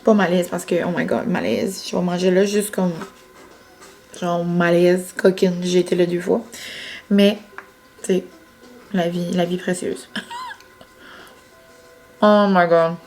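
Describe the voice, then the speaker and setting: A woman's voice: on the low side, little pitch movement, slow pace, pauses often, a little mellow, faint music behind. A young woman chatting casually to her vlog audience, with many fillers and English words. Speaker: vlogger. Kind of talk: casual vlog chat to camera.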